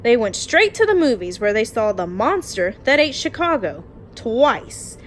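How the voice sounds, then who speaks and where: A woman with a fairly high voice reads a children's story aloud like a teacher. Her pitch moves a lot and her pace is slow and careful. She often speaks straight to her young listeners. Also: very animated, a little hiss or hum. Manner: addresses children directly, careful phrasing. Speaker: teacher reading aloud to pupils. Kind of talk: expressive children's storybook read-aloud with asides.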